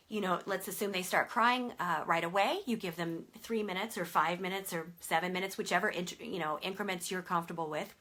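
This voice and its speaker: A woman's voice: medium pitch, bright, forceful tone. A woman sleep consultant explaining a method to parents in a conversational way, with many fillers and emphatic stresses.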